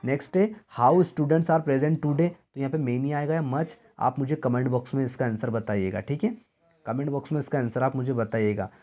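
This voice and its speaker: A man's voice: medium pitch, moderate pace, mellow. A young man teaches an exam-prep grammar lesson in an ordinary mid-range voice. He repeats each question back to his students and answers it himself.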